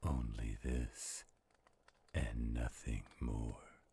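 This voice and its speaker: In an intimate audio roleplay, a man plays a gruff but gentle, fatherly werewolf, speaking in a deep, gravelly, husky voice at an unhurried pace. His exaggerated delivery has little pitch movement, and he recites in a hushed, dramatic way.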